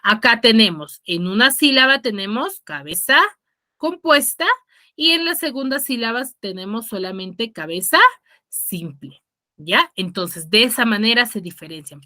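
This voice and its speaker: Her voice on the high side, pushed and bright, a female online teacher patiently walks students through the material. She emphasizes important words and frequently asks whether they're following.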